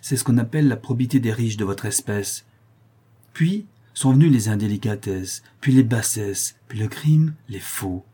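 A man's voice: on the low side, animated, moderate pace, mellow, husky. A man reading an audiobook voices a stern aristocratic father who speaks in a cold, accusing, commanding way.

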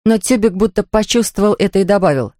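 Reading a kids story out loud, mid voice, dry sound no room. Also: mid-range voice, fast talker, no room sound. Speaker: narrator.

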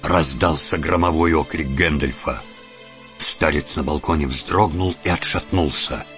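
A man narrating an audiobook in a measured, even storytelling manner. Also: extremely low pitch. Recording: dull lo-fi audiobook with faint music.

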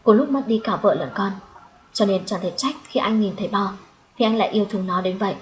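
Woman reading an audiobook story, calm and reflective, mid pitch. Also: quick pace, poor audio. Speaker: audiobook narrator. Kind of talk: first-person story narration.

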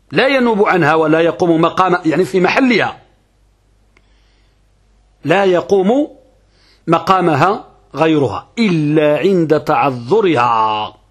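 A man's voice: high-pitched, husky. A man with a Moroccan accent teaching Arabic grammar in a classroom lesson, asking and answering his own questions and repeating key terms.

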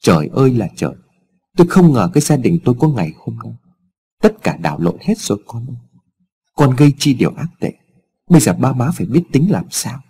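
A man's voice: medium pitch, sing-song, fairly quick, dark tone, husky. A man voicing a distraught old mother in a told story, speaking in a wailing, anxious way.

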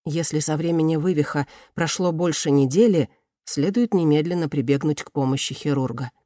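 A narrator voicing a confident young woman doctor in an audiobook, calmly instructing students. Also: medium pitch, fairly quick, no echo, studio quality, natural voice. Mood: instructive. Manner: calm, instructive. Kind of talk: audiobook character reading.

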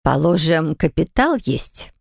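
A woman reading an audiobook, voicing a shrewd, steady old grandmother who speaks slowly and deliberately. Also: low voice, creaky, no room sound, clean studio sound, heavily acted. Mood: sly. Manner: slow, measured, knowing.

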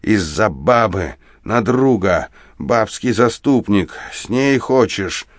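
A man voicing a frenzied, hysterical young soldier who shouts hoarsely in an audiobook. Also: low-pitched, a little slow, dry recording, clean studio sound. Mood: raving. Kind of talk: audiobook character voice.

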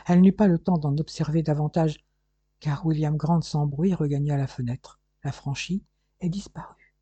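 Dark, husky audiobook narrator. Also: mid-range voice, steady tone, moderate pace, dry recording, lo-fi sound. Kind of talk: reading a classic adventure novel aloud.

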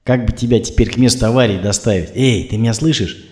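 A man voicing an anxious, injured man who talks to himself in a hushed, urgent way. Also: lowish voice, fast, natural voice. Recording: roomy echo.

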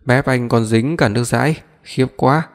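A man reading the lines of a tender, sulky young woman in an audiobook, in a soft, lightly scolding way, with a long reverb behind his voice. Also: medium pitch, normal speed, close to an everyday voice.

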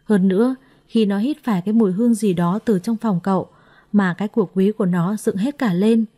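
Mellow woman storyteller. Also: mid-range voice, fairly quick. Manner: steady, expressive storytelling. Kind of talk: scripted narration.

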